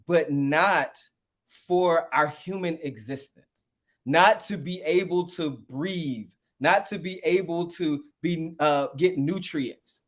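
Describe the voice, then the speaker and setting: A man's voice: on the high side, takes it slowly. A man co-hosting a podcast, pushing back with questions and restarting his sentences. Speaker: podcast co-host. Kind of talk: casual debate.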